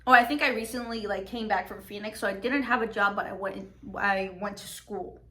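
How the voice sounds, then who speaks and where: A young adult woman from Mexico, a podcast host, rambles through a long personal story in casual chat, packed with fillers and restarts. Her voice is mid-range and fairly bright, and she talks a little fast.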